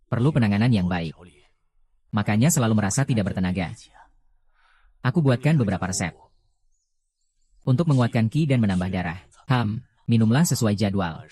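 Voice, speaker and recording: A man voicing a young woman healer who explains remedies in a calm, instructive way. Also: lowish voice, normal speed, pauses often.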